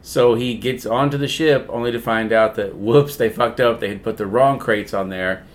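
A man's voice: mid-range voice, moderate pace. A man co-hosting a casual podcast, retelling a movie plot in a loose, profane way. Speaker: podcast co-host.

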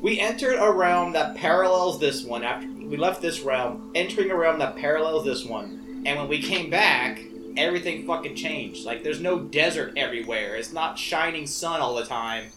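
Blunt, excited player, echoey room. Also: mid-range voice, normal speed, over music. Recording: roomy echo.

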